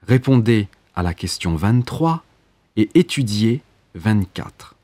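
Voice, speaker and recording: A man with a fairly low voice reads exam instructions very slowly. His delivery is formal and neutral, and the sound is dry, without room echo. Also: big pitch swings, dark tone. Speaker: exam narrator giving instructions. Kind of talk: scripted test instructions.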